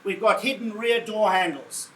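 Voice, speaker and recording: A high-voiced man gives a lively car presentation to a crowd, joking with his listeners and calling them folks. He sounds distant from the microphone, and the room is echoey. Faint background noise sits behind him. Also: normal speed. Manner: jovial, addresses the crowd as folks, jokes with the audience. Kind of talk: live product presentation to an audience. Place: showroom or event space. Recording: echoey room, voice heard from far off, faint ambience.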